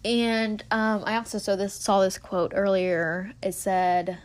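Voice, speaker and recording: A woman's voice: medium pitch, little pitch movement, slow pace. Chatty young woman podcaster. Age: 20s. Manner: earnest, chatty, encouraging, with many fillers. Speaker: podcast host. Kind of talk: casual solo podcast monologue.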